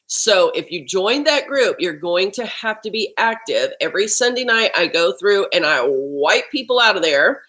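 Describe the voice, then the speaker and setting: A woman's voice: mid-range voice, sing-song, moderate pace, hardly any pauses, fairly bright tone, rough recording. A woman hosting a casual live-stream chat about healthy eating, talking while she eats lunch at home. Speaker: health vlog host.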